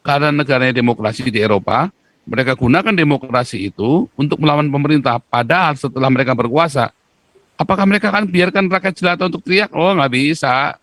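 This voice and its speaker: A man's voice: a little high, fast, fairly bright tone, dry recording. A man talking as a guest commentator in a casual talk-show discussion, emphatic and rising sharply when he stresses a point.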